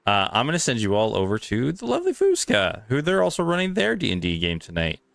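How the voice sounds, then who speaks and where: A man's voice: mid-range voice, huge pitch swings, fast talker, vocal fry, a bit bright, no echo. A man acting as game master, wrapping up a live tabletop game stream and thanking viewers in a rambling, grateful way with many restarts.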